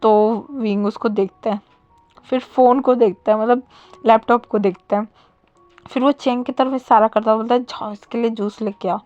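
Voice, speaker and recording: High-voiced woman casually retelling a story. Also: steady tone, normal speed, a little mellow, dry recording, muffled recording, soft background music. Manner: chatty, with fillers and self-corrections.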